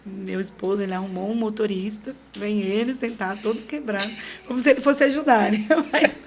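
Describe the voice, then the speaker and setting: A woman's voice: mid-range voice, fairly quick. Brazilian woman telling a vivid personal story. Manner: lively, re-enacts dialogue, laughs often. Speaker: podcast guest. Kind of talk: personal storytelling in a casual interview.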